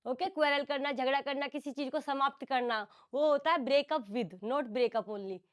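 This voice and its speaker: A woman's voice: high-pitched, moderate pace. A woman teacher running an online exam-prep class, calling on students by name and repeating each word with its Hindi meaning. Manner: explains phrasal verbs, calls on students by name, repeats words in English and Hindi.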